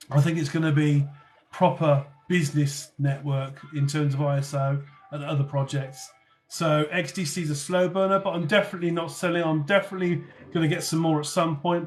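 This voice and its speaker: A man's voice: fairly high pitch, steady tone, normal speed. A man from North Somerset, casually chatting on a livestream and answering viewer comments. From North Somerset, England. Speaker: livestream host.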